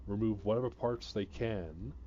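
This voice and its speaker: Sleepy guy rambling on his game stream, lowish mellow voice, dull mic. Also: moderate pace, slight background noise. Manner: rambling, hesitant with many fillers. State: sleepy, yawning. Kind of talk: casual gaming stream chat.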